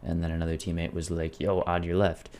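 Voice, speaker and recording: A man narrating his own gameplay in a casual, wry and self-deprecating storytelling voice-over, with a gravelly creak. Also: low voice, level tone, fairly quick, a little mellow. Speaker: video creator narrating gameplay.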